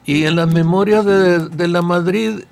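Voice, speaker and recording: A man's voice: high-pitched, steady tone, unhurried, gravelly. A man speaking as a historian guest on a radio panel, thoughtful and somewhat hesitant.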